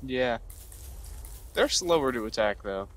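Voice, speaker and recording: A man's voice: medium pitch, expressive, slow, slight background noise. A young adult man playing a co-op game, giving playful directions and tossing in laughing asides. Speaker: co-op game player, channel host. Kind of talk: casual gaming chat.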